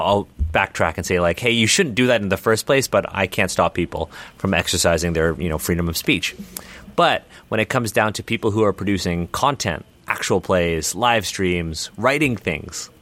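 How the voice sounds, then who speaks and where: Answering questions in an interview, a man speaks in a low voice with a touch of brightness. His explanations are long and earnest, broken by frequent restarts, and Chinese is not his first language.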